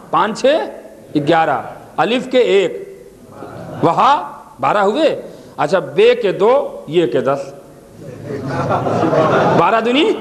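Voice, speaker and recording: A man with an Indian Urdu accent, a cleric preaching at a religious gathering, telling a story with acted dialogue and often rising to a shout. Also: high-pitched, long reverb tail. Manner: dramatic, rises to shouting in acted exchanges. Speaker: cleric giving a Muharram majlis. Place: mosque or majlis hall. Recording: live gathering with faint crowd. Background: faint crowd.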